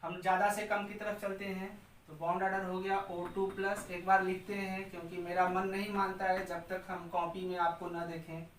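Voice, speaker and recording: In an echoey room captured by a distant microphone with faint hiss, a male chemistry teacher drills his class, asking questions and answering them on his own while chanting important terms. His voice is high and a bit bright, with little pitch movement and a moderate pace.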